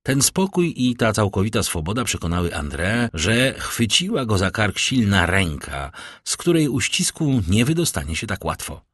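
A man narrating a classic novel as an audiobook in an expressive storytelling manner. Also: on the low side, normal speed, no room sound, studio quality. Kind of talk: scripted narration.

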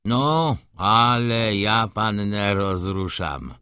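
A man's voice: fairly low pitch, drawn-out words, pushed and bright, clean tone, dry recording, clean studio sound, full character voice. A man voicing a smug, self-important valet who gives orders in a condescending tone. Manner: commanding, condescending.

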